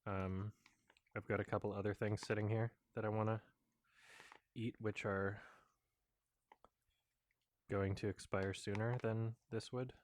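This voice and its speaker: A man's voice: lowish voice, level tone, measured pace, pauses often. A man chatting in a casual, offhand, rambling way as he hosts an eating vlog. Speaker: mukbang host.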